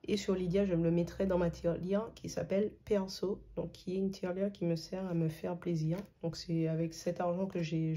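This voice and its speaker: A woman's voice: on the low side, warm tone, slight background noise. A woman from Martinique with a Martinican French accent, chatting casually to camera as a budgeting vlogger and thinking aloud with frequent fillers.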